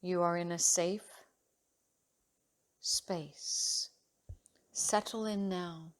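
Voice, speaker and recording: A yoga teacher with a fairly low-pitched voice guides a relaxation meditation. She speaks soothingly and in a measured way, leaving long pauses between phrases.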